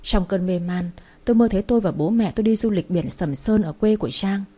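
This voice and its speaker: A woman reads a first-person story aloud in a steady, earnest audiobook style. Her voice is mellow and warm, with a soft husky grain. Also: mid-range voice, brisk. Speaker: narrator.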